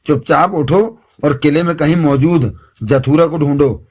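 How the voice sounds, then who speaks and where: A man voicing a blunt, sharp-tongued young woman. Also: on the high side, fairly even intonation, unhurried, husky. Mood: scolding.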